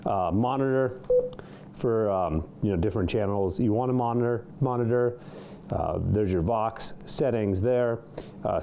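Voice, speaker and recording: In an indoor studio, a man reviews a CB radio in a casual, off-the-cuff demo, a bit hesitant as he covers each feature. His voice sits lowish with a dark tone, and a little hiss or hum is audible.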